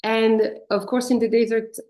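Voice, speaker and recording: A woman's voice: on the high side, flat delivery, moderate pace, mellow. Reflective woman coach giving a church talk. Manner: reflective, invites listeners to picture their own experience. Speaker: guest speaker and leadership coach. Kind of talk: guest talk to a church congregation. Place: speaking remotely from abroad.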